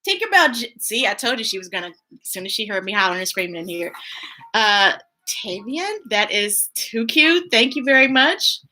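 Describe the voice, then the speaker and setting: The host of this children's story time is a woman with a mid-range voice speaking at normal speed. She brings picture books to life with expressive reading and chats with viewers in a playful, gushing, animated way.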